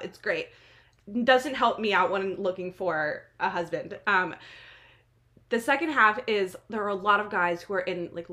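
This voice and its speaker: A woman in her late twenties from New Jersey with an American accent, chatting casually as a podcast guest in an animated, wry, self-deprecating way. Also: mid-range voice. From New Jersey, United States. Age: late 20s. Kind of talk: casual interview chat.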